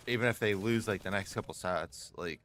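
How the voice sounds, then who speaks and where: A man with a fairly low voice gives laid-back esports analysis in casual chat. He talks through team expectations with relaxed fillers. He sounds like a co-caster at a stream. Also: brisk, crowd noise.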